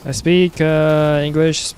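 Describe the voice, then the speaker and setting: A man, a game streamer reading chat aloud and answering in a halting way with frequent restarts. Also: a little high, little pitch movement, a little mellow, a little hiss or hum. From Russia.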